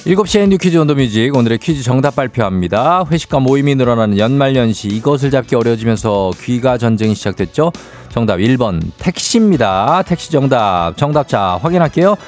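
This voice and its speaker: A man's voice: mid-range voice, lively intonation, fairly quick, hardly any pauses, a little mellow. A man hosting a morning radio show, reading out quizzes and giveaways in an upbeat, punchy announcer's delivery. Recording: music bed behind the voice. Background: music.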